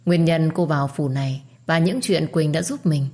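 Woman storyteller, lowish voice, calm and steady narration. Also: normal speed.

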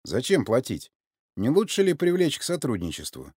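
A man's voice: mid-range voice, huge pitch swings, moderate pace, darkish tone, breathy edge, no room sound, clean studio sound, voice pushed up. A man reading an audiobook, voicing a mocking, unpredictable man who snaps out harsh orders. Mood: scheming. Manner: sarcastic, barking orders. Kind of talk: audiobook character voice.

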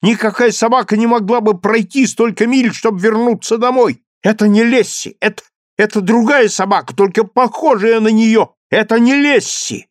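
A man voicing a defiant young village boy who shouts in desperation. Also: very high-pitched, very animated, slow, no echo, studio quality, voice pushed up, exaggerated voice.

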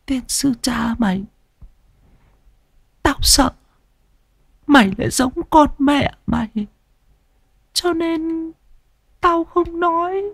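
A man's voice: very high-pitched, fairly even intonation, takes it slowly, creaky, pauses often, fairly bright tone, no echo, studio quality, voice pushed up, heavily acted. A man voicing a frail, dying grandmother who cries out in anguish. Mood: bitter. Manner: gasping, pleading cries. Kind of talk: audiobook voice acting.

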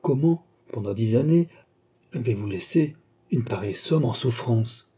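A man's voice: medium pitch, expressive, moderate pace, warm tone, slightly rough. A man reading a proud cardinal prince in financial distress, haughty yet anxious and pleading. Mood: anxious pride.

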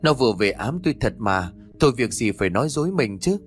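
A man voicing a sharp-tongued, easily frightened middle-aged woman in a ghost story, speaking in a shrill, quarrelsome, pleading manner. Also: big pitch swings, fast talker, soft background music, close to an everyday voice. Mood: snapping.

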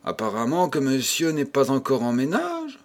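A man reading an audiobook who voices a coy young working girl with a playful, gently mocking manner. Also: medium pitch, wildly swooping pitch, moderate pace. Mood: coy teasing.

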